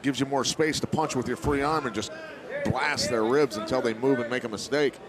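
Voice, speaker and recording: A man's voice: medium pitch, fairly quick. Male fight analyst over a roaring crowd. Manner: coach-like, explains technique. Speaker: color commentator analysing technique. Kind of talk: live MMA commentary. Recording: very loud arena crowd behind.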